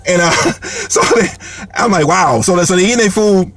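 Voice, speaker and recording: A man's voice: high voice, moderate pace, noisy background. A man telling a comic story in a rambling way, full of fillers and repeated words, laughing as he goes. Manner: animated, laughs between lines.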